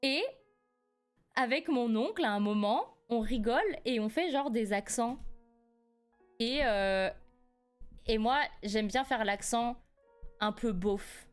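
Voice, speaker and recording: A young woman from France in her twenties, streaming live and telling a family story in a casual, animated way, laughing often. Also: on the high side, takes it slowly, long pauses, clean tone, faint music behind. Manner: animated, laughs often, rises sharply when indignant.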